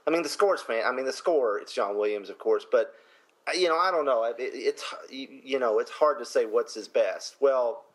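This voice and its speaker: A man chatting casually and somewhat haltingly as a guest on a film podcast. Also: medium pitch.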